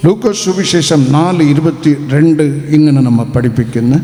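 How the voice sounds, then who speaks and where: A man interpreting a sermon live, speaking in an unhurried, earnest way. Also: on the high side, dark tone, soft background music. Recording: roomy hall with long reverb.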